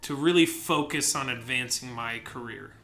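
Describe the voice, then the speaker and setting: Bright-voiced man chatting in a bar. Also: medium pitch, moderate pace, creaky. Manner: chatty storyteller, laughs often. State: sore throat. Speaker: podcast co-host. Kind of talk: casual chat.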